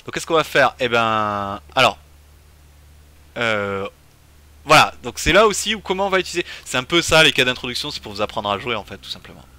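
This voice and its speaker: A man's voice: mid-range voice, animated, fairly quick, sharp tone, dry recording. A man streaming a game, commenting casually and thinking aloud with many fillers. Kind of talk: casual let's-play commentary.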